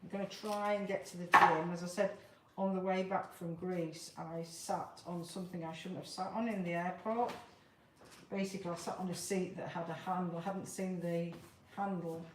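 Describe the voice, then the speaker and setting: A woman's voice: lowish voice, fairly even intonation, normal speed. A woman in her fifties hosting a live craft tutorial in a plain-spoken, chatty, informal way. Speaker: craft demonstrator, live show host. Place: large open workshop, indoors. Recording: roomy, noisy workshop, far from mic.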